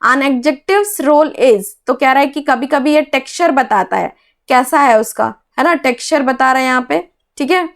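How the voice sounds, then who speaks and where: A woman teaching English grammar in a casual classroom manner, often checking in with her students and reading examples slowly. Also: high-pitched, vocal fry, a bit bright. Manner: checks in with "ठीक है?" after nearly every point. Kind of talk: explaining a lesson in Hindi-English mix.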